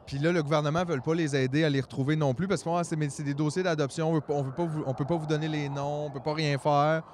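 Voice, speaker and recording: A man's voice: on the high side, fairly even intonation, fast, darkish tone, a little hiss or hum. A Québécois man in his forties, a podcast co-host telling a long story in an earnest, rambling way in casual chat. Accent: Québécois French. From Quebec, Canada. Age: 40s.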